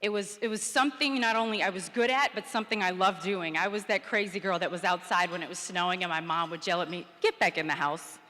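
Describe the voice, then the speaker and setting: Woman, 30s, storytelling keynote speaker, crisp bright voice, reverberant hall. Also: on the low side, fast, hardly any pauses. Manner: storytelling, acts out quotes with rising energy. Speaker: public speaker. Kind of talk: motivational conference speech. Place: conference hall, indoors.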